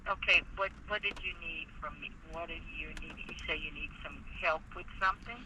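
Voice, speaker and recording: A man's voice: fairly high pitch, fairly quick. A man speaking over the phone as a court clerk, hesitant and informal in an unscripted conversation. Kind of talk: helpful but unsure phone conversation. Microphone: telephone. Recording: noisy telephone line.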